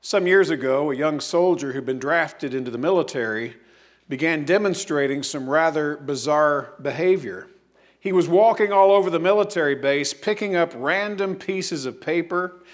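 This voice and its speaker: A man preaching a sermon as pastor, telling a story with lively quoted voices and slow, emphatic repetition. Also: fairly high pitch.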